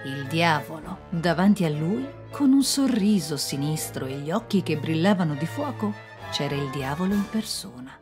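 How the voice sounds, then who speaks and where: A woman narrating a scripted spooky storybook tale in an expressive, dramatic way. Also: low voice, normal speed, music in the background.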